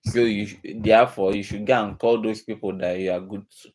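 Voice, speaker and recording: A man's voice: lowish voice, steady tone, a little fast, a little mellow. A man with a Nigerian accent giving informal advice in a Nigerian Pidgin manner, earnest and admonishing, repeating himself for emphasis. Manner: earnest, admonishing, rhetorical repetition. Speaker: speaker giving community advice.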